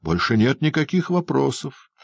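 A man voicing a grave, insistent older gentleman who speaks solemnly and slowly. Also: mid-range voice, very animated, creaky, husky, no room sound, voice pushed up, full character voice. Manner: solemn, measured. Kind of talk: audiobook character voice.

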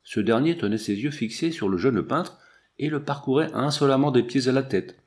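A man narrating an adventure novel in a steady, measured reading. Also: mid-range voice. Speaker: audiobook narrator. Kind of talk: audiobook reading.

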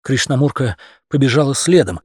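A man narrating a humorous audiobook story in a lively, expressive way. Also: mid-range voice, normal speed, slightly rough, no echo, studio quality.

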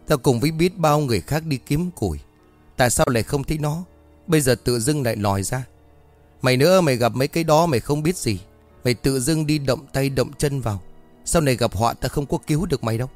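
A man's voice: medium pitch, lively intonation, fast talker, a little mellow, faint music behind, natural voice. A man voicing a stern village elder in his seventies who scolds and commands in a ghost story. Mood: scolding.

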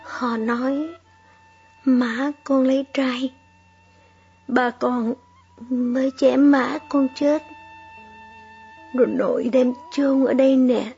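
A hurt young girl speaks through tears in a choked, raised voice, as a woman narrator puts her on. Her words come slowly between sobs in a spoken storybook. A faint musical bed sits under a slightly dull recording. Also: high voice, steady tone, warm tone, soft background music. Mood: tearful. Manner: choked, sobbing. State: crying. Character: young granddaughter, tearful and hurt.

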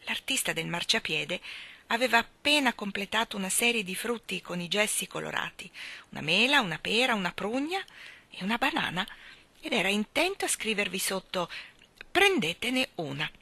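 A woman reading a children's storybook aloud, expressive and animated. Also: medium pitch, a little fast, dry recording. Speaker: reader.

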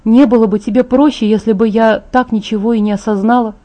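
A woman's voice: on the high side, fairly even intonation, brisk, warm tone, natural voice. A woman reading aloud voices a guilt-ridden young woman who pleads with him and speaks through tears. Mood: pleading. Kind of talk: audiobook character voice.

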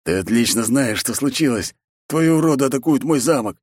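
A man voicing an arrogant, angry card player who shouts insults, in a storybook reading. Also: mid-range voice, animated, takes it slowly, no echo, clean studio sound, voice pushed up. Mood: furious.

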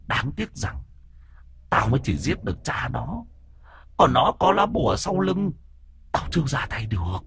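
A man voicing the vengeful ghost of a murdered young woman, eerie and accusing, in a spoken ghost story. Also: slight background noise. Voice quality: eerie, high and shrieking. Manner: accusing, bitter, at times pleading.

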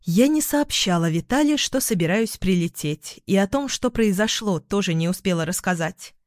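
A woman's voice: mid-range voice, lively intonation, moderate pace, dry recording, clean studio sound. A woman narrating a first-person audiobook chapter with an emotional, dramatic reading.

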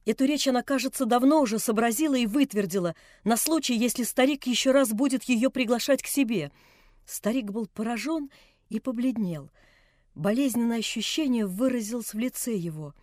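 A woman's voice: fairly high pitch, no echo, clean studio sound. Woman narrating a classic novel. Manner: measured, expressive storytelling. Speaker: audiobook reader. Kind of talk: literary audiobook narration.

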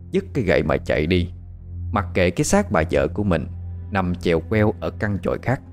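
A man narrating a horror story with a dramatic, animated delivery. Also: fairly low pitch. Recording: faint background music.

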